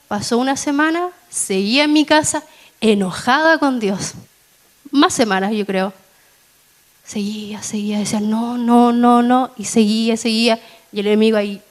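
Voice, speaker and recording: A woman giving a testimony in a church sermon, telling her story slowly and with feeling, dropping soft and then rising in bursts. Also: poor audio. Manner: slow, emotional storytelling with soft low passages and sudden raised peaks.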